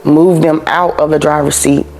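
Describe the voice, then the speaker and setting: A woman in her twenties giving an interview, speaking haltingly and repeating words as she recalls. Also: deep voice, steady tone, darkish tone, faint music behind. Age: 20s. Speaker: interviewee in a news report. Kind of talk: emotional interview recollection.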